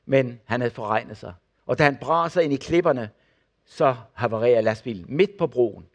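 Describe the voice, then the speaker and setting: An older man preaching, telling testimony stories and acting out the people in them. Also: medium pitch. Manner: animated storyteller acting out the people in his stories. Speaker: preacher and former missionary. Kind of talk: sermon testimony.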